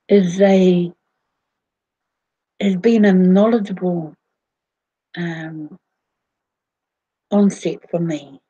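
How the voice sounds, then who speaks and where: A woman, talking slowly to her viewers in a rambling way, with many fillers and restarts. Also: lowish voice, dark tone, lo-fi sound. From New Zealand. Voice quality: husky. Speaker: vlogger. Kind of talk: casual monologue to camera.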